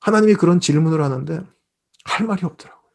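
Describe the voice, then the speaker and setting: A male pastor giving an online Bible lecture, telling a story in an animated way and acting out the characters. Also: a little high, fast, vocal fry. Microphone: video call.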